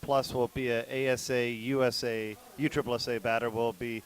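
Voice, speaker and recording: A man's voice: mid-range voice, flat delivery, fairly quick, clean tone, poor audio. A man hosting a sports broadcast, brief and relaying viewer questions to guests. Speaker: play-by-play host.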